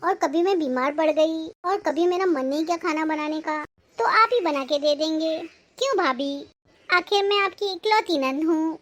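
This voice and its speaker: A woman's voice: extremely high pitch, normal speed, a bit bright. A woman playing a pushy, nosy young sister-in-law who chatters and drops sly remarks in an acted family drama. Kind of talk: acted Hindi family short film.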